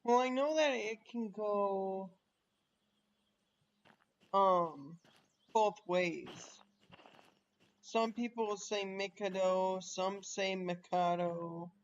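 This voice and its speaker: Male streamer, unhurried drawl, thinks out loud and chats with his viewers; slightly muffled lo-fi mic. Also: sits high. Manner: thinks aloud, chats with viewers between pauses. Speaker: livestreamer playing a train simulator. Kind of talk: casual live gameplay chat. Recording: dull lo-fi stream audio with faint noise.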